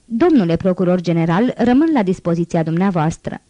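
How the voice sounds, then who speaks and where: A woman reading the part of a solemn, quiet male ex-convict mayor in an audiobook. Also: on the low side, animated, dry recording, lo-fi sound, lightly acted. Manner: grave, quiet and restrained.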